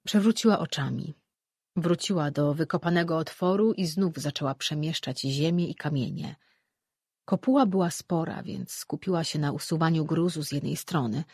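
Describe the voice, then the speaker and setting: Husky, dry audiobook narrator. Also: mid-range voice, normal speed, a little mellow, no room sound. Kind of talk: scripted fantasy narration.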